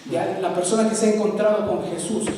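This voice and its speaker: A man from Peru, preaching a sermon, swinging between loud emphasis and soft asides. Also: high-pitched, steady tone, quick pace, slight background noise. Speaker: pastor. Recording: echoey hall, from far off.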